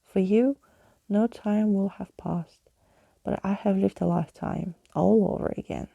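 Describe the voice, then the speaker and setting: Female reader as theatrical male skeleton adventurer for a storybook: very creaky, soft dark tone, florid old-world flourish. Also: mid-range voice, fairly even intonation, a little slow, no room sound, muffled recording, heavily acted. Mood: earnest, pleading. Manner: florid, exclamatory, old-fashioned wording.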